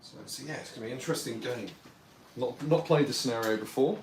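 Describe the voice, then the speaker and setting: A man's voice: medium pitch, fast talker. A man talking through a tabletop wargame on a live stream, explaining rules and thanking viewers as he goes. His voice sits mid-range and sounds set back from the mic in a roomy space, with a light hiss underneath. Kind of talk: casual live-stream game commentary. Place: warm home apartment, indoors. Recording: roomy sound, distant mic, faint noise.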